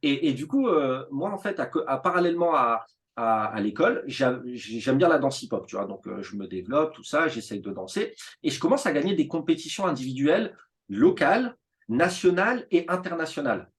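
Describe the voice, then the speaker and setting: A man's voice: on the high side, brisk. Chatty man telling his story. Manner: animated storytelling with many fillers and restarts. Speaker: interview guest, teacher. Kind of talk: casual conversational interview.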